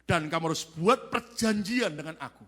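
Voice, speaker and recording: A tempting male devil spirit, put on by a preacher, coaxing and commanding in a high, swooping voice. The sound rings out with a long church-hall reverb. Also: animated, normal speed, a bit bright.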